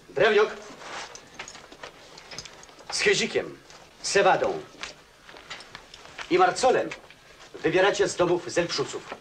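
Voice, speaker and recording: An actor playing an insurgent commander who gives curt, clipped orders. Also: male voice, a little high, fairly bright tone, exaggerated voice. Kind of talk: 1960s film acting. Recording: noisy old film soundtrack.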